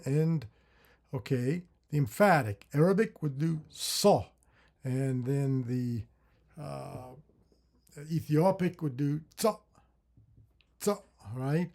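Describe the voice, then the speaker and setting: Slow, deliberate male lecturer. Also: fairly high pitch, gravelly, darkish tone. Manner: slow, deliberate, with drawn-out syllable demos; thinks aloud with fillers and restarts. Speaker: teacher. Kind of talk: lecture on phonetics with spoken sound demonstrations.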